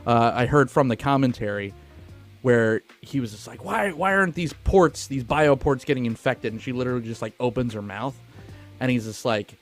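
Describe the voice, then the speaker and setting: With lively intonation and a moderate pace, a mid-pitched man chats casually and swears freely as co-host of a podcast reviewing films. Music plays beneath his voice.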